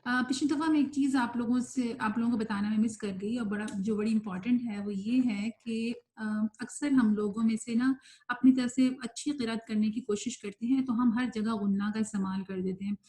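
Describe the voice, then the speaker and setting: Female tajweed teacher with a Pakistani Urdu accent, somewhat high and mellow, patient explainer. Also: steady tone. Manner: explains patiently, then models slow drawn-out pronunciation examples. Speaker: Quran recitation teacher. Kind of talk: recorded online tajweed lesson.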